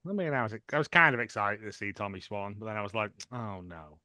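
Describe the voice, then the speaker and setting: A man hosting a podcast in casual chat, excitable and rambling with repeated restarts. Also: on the low side, fast, dry recording, studio quality. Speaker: podcast host.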